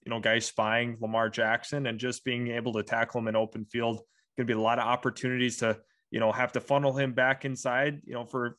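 A man's voice: mid-range voice, fairly bright tone. A young man co-hosting a sports show, giving casual game analysis with many fillers like "you know". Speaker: sports podcast co-host.

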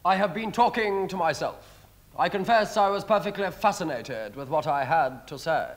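An actor playing a vain, wicked lord in a Wilde parody stage comedy, arch and self-admiring. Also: male voice, high-pitched, lively intonation, moderate pace. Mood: smug. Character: languid, vain, wicked aristocratic wit.

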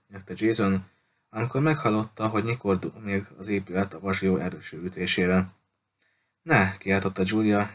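A man reads a youth adventure novel aloud in a low voice. His delivery stays steady and even. It sounds like a home-made audiobook narration.

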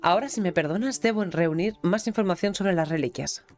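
A woman's voice: lowish voice, darkish tone, soft background music, lightly acted. A woman reading as a wise old male sage. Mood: formal. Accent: Spain Spanish. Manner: measured, formal read-aloud delivery.

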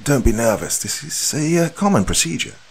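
A man's voice: mid-range voice, sing-song, fairly quick, gravelly, breathy edge, voice pushed up, heavily acted. A man voicing an impatient male surgeon, stressed, slightly out of breath and dismissive. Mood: brusque. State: mildly out of breath.

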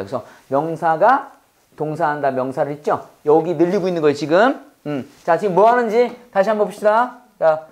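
Chatty male teacher running repeat drills. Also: high-pitched. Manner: animated, chatty, laughs often, asks the class questions. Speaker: Bible English teacher and pastor. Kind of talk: classroom English lesson with call-and-repeat drills.

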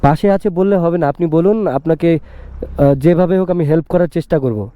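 A motovlog host from West Bengal who earnestly coaxes and pleads, often repeating himself, speaking into a helmet mic. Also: male voice, on the high side, a little fast, mellow, no echo. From West Bengal, India. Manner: earnest, coaxing, repeats pleas. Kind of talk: staged roadside vlog. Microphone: helmet-worn mic on a bike.

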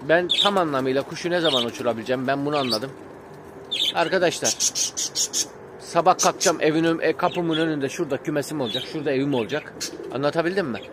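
A man's voice: a little high, fast talker, noisy background. A man vlogging about his pigeons, venting in a rambling, frustrated way with many fillers. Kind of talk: casual vlog talk to viewers. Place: outdoors by a pigeon coop. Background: pigeons cooing and birds chirping.

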